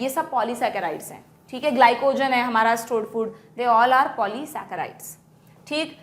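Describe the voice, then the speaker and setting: An Indian woman teacher working through exam questions, explaining step by step, checking in with students often and reading the question text slowly. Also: high voice. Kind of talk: exam solution lesson.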